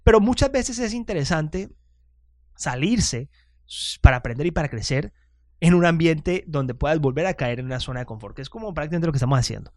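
Chatty man, slightly high voice. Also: animated, a little fast, no echo, clean studio sound. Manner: chatty, self-deprecating, frequent restarts. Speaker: podcast host. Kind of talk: casual podcast monologue.

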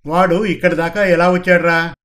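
Arrogant scheming boss, commanding tone; male narrator doubles the part, slightly high-pitched voice. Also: little pitch movement, normal speed, a bit bright. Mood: bossy. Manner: commanding, bossy.

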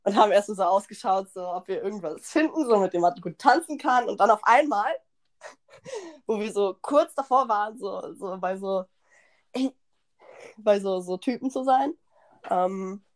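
A young woman hosting a podcast, telling a party story in slangy, animated casual chat and acting out what people said. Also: mid-range voice, moderate pace. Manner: animated, slangy, acts out quotes, laughs often. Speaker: podcast host.

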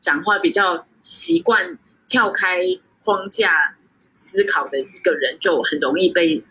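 一位三十多岁、在台湾长大的女侍酒师，通过远程连线接受访谈，说话随意，常笑，停顿和语气词很多。. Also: female voice, fairly low pitch, a little slow, sharp tone, husky, low-quality recording. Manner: chatty, laughs often, many fillers. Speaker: guest sommelier. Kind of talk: casual interview over a remote call. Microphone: video call.

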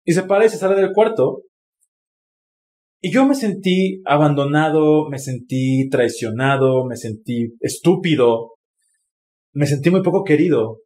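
A man's voice: a little high, unhurried, a little mellow. A man with a Mexican Spanish accent telling a personal story candidly, with swearing and lots of expression. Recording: roomy echo.

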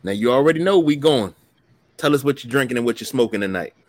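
A man's voice: mid-range voice, expressive, fast, no echo. A man hosting a podcast, chatting casually in a folksy, jokey storytelling way. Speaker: podcast host. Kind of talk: casual chat.

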